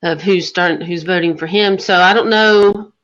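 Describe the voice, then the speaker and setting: Female panelist, lowish voice, hesitant and offhand, muffled lo-fi recording. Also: fairly even intonation, moderate pace, a bit bright. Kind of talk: casual panel discussion. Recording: dull lo-fi audio.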